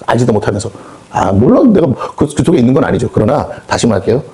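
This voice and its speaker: A man's voice: mid-range voice, sing-song, fast talker, warm tone, husky. A male pastor preaching a sermon, firing off rhetorical questions and slipping into quoted voices. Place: prayer house meeting hall.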